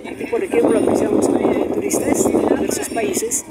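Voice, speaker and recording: A woman reporter, talking conversationally as she reports outdoors from a town square into a camera mic, with tag questions. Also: moderate pace. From Peru. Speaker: street reporter. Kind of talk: on-the-street news report. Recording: noisy street recording.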